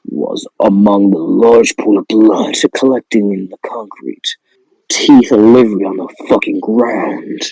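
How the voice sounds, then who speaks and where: A man with a gravelly, husky voice reads a horror story in a playful spooky manner, sweary and irreverent, with joking asides. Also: mid-range voice, darkish tone, dry recording, low-quality recording. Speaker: host reading a spooky story. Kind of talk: scripted horror narration broken by casual joking asides.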